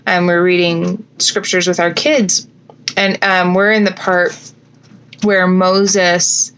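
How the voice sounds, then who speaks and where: A woman's voice: lowish voice, level tone, takes it slowly, a bit bright, a little hiss or hum. A woman, around her thirties, reflecting casually on scripture as a host, thinking aloud and correcting herself, her speech slightly thick from a swollen lip. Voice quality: slightly slurred, fat-lipped speech from a swollen mouth. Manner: informal, thinking aloud with frequent self-corrections. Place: bedroom at home.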